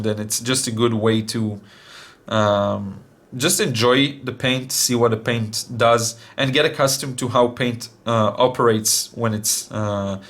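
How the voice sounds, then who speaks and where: Still sounding slightly deep after being sick, a young man hosting an art channel shows off watercolor paints. He talks in a laid-back way, musing aloud and filling gaps with lots of fillers.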